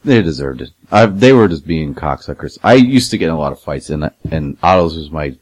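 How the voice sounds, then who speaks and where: A young man casually telling rough stories, swearing a lot and acting out what people said. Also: a bass voice, brisk, dry recording. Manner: animated, swears a lot, acts out quotes. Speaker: podcast guest telling stories. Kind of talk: casual profane storytelling.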